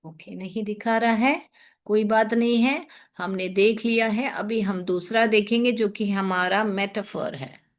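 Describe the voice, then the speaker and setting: A woman teacher giving a lesson, patiently explaining and slowly reading example sentences aloud to her students. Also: medium pitch, steady tone. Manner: addresses students fondly as children. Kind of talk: classroom lesson, explaining in Hindi with English examples.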